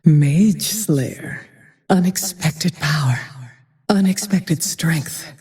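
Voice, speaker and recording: A woman voicing a grim, vengeful, haunted female ranger hero in a fantasy game, with terse, brooding, breathy lines. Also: low-pitched, a little mellow, exaggerated voice. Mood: cool, terse. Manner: measured, terse, brooding delivery. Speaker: video game voice actor. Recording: long reverb on the voice.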